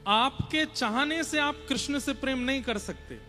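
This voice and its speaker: A young male kathavachak preacher with a high voice delivers an earnest, unhurried devotional sermon with chanted Sanskrit verses, soft music playing underneath. Speaking in a large hall before a seated audience, he urges listeners to listen closely.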